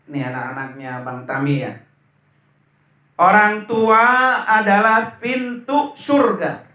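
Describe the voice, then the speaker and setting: Guy preaching real slow and emphatic, kinda echoey and far from the mic. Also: high-pitched, pushed and bright. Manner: slow, emphatic, asks the audience questions. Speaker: preacher at a memorial gathering. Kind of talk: sermon.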